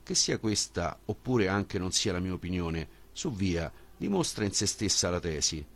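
A brash ancient Greek sophist, blunt and dismissive in every reply, as a male audiobook reader gives him voice. His voice sits very low and deep, and he brushes aside his opponent's questions with defiant certainty. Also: sing-song, normal speed, exaggerated voice.

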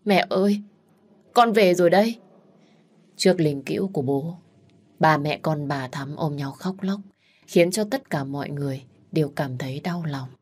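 A woman narrating a sad family story in a slow, sorrowful way. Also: low voice, darkish tone, slightly rough.

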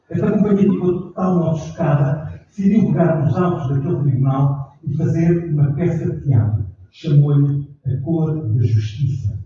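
A man in his forties with a European Portuguese accent speaks in a measured, declamatory stage manner. His voice sits a little high. The recording is dull and noisy, captured from the back of a reverberant theatre. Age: 40s. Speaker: actor and narrator. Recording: echoey theatre hall from far off, dull, noisy.

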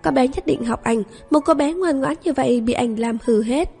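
A woman's voice: sits high, moderate pace, creaky, darkish tone. A woman voicing a wary, exasperated young woman in an audiobook. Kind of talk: audiobook character reading. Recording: long reverb, faint music.

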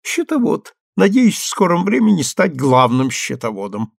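Man reading a meek young clerk, new father; gentle, mild, gravelly texture. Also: a little high, sing-song, moderate pace, dry recording, studio quality, pitched above the performer's own voice, full character voice. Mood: polite. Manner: timid, gentle, soothing.

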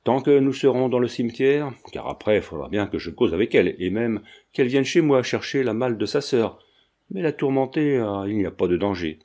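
Chatty, meddling old landlady with a mellow low voice, read by a male narrator in a storybook reading. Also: expressive, a little fast, lightly acted. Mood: insistent. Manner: talkative, familiar, insistent.

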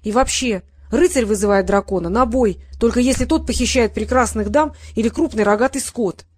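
A woman's voice: fairly high pitch, a little fast, no room sound, lightly acted. Woman reader as an eager, hot-headed boy squire, dry close sound. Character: eager, proud young male squire.

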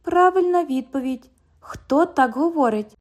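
With a high, animated and unhurried voice, a woman narrates an audiobook part for a sarcastic twenty-year-old woman working as a bank cashier. The character is mocking and cheeky, repeating the other speaker's words back.

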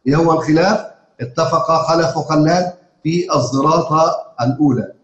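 A man's voice: a little high, roomy sound, dull audio. Egyptian man teaching Quran readings. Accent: Egyptian Arabic. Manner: colloquial explaining, chants verses slowly, many fillers. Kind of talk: live lesson to students.

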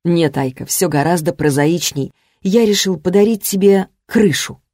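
Woman putting on a calm teasing male mage. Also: on the low side, moderate pace, no echo, studio quality, lightly acted. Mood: gentle.

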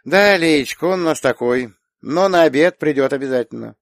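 A man voicing a gentle, hesitant young woman. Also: a little high, normal speed, dry recording, clean studio sound, voice pushed up, lightly acted. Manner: soft, hesitant, lifted voice. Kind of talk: audiobook character voice.

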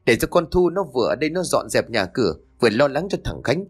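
A man voicing an angry, worried father who shouts in an agitated way in a spoken ghost story. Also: a little high, expressive, fairly quick, voice pushed up.

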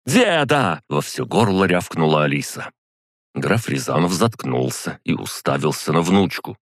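Deep-voiced male narrator; even, deadpan first-person reading, dry booth sound. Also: normal speed, no room sound. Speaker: audiobook narrator. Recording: dry close studio sound.

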